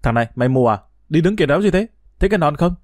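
A man's voice: medium pitch, rapid-fire, no room sound, studio quality, natural voice. A man voicing a rude, swaggering schoolboy bully, talking bluntly and crudely in a storytelling reading. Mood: angry.

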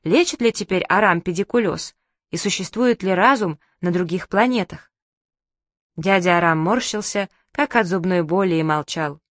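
A woman narrating an audiobook in a lively, humorous storytelling manner. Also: lowish voice, normal speed, no room sound, clean studio sound.

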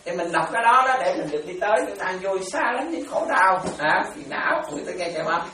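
Male monk, lively storytelling sermon, very echoey hall, distant mic, faint hiss. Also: high-pitched, quick pace. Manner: chatty, animated storytelling with laughter and repetitions. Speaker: monk teaching dharma.

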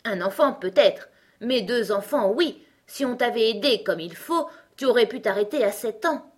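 A woman voicing a pompous, touchy male egg who lectures in a scornful, lofty way, with a husky voice. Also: a little high, expressive, moderate pace, voice pushed up. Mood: lecturing. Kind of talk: storybook reading.

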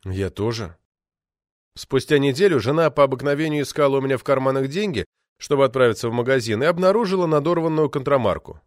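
A man narrating an audiobook in an ironic, lively storytelling manner. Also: mid-range voice, quick pace, dry recording, studio quality.

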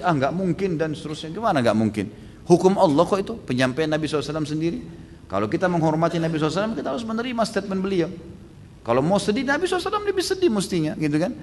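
A man preaching and answering questions at a religious study session, fast and emphatic, with many rhetorical questions. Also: fairly high pitch, in a large hall, slight background noise.

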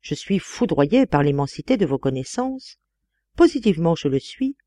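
A woman reading an audiobook voices a kindly, effusive old gentleman father, emphatic and solemn in his blessings. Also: low voice, big pitch swings, moderate pace, no room sound, studio quality.

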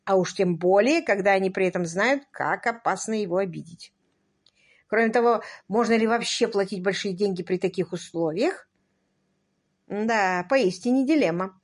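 A woman narrating a comic novel as an audiobook in a lively, playful manner, voicing the characters. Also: mid-range voice, normal speed. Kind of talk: scripted narration with voiced characters.

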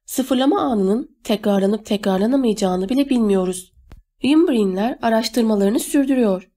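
A woman's voice: on the high side, moderate pace, warm tone, close to an everyday voice. A woman reading an audiobook voices an invisible boy who speaks earnestly and with command. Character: invisible boy, eager to calm others. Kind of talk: audiobook character voice.

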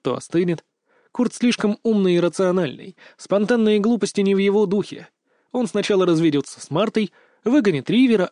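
A man's voice: high voice, mellow, no room sound, studio quality. A man narrating first-person fiction as an audiobook reader, in a wry, smug manner.

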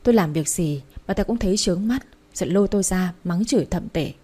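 A woman narrating a first-person family story as an audiobook, in a steady, earnest reading. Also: on the low side, a little fast, slightly rough.

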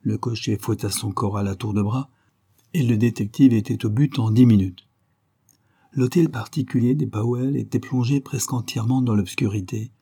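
A man narrating a detective story in a steady, measured storytelling manner. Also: medium pitch, husky. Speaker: audiobook narrator.

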